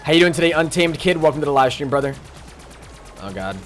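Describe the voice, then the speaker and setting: A man commentating his live game stream, chatting along and greeting viewers by name with sudden excited outbursts. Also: on the high side, fast talker, soft background music.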